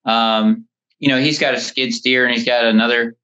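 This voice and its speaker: A man in his thirties who runs a lawn care business calls in as a podcast guest, his mid-range voice sharp and fairly even at a normal speed. He tells rambling stories in a casual interview, saying "you know" often. The phone line sounds dull and band-limited.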